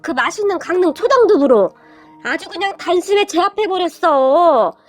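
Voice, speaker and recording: A woman voicing an older father-in-law who speaks slowly and offhandedly. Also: very high voice, lively intonation, faint music behind. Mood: offhand.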